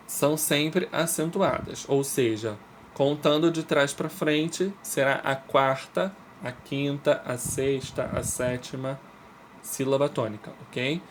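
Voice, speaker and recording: A man's voice: medium pitch, a little hiss or hum. A man who is a native Portuguese speaker, teaching a recorded Spanish review lesson to schoolchildren. He explains step by step, checks in with "ok?" after each point, and stretches out the example words to stress them.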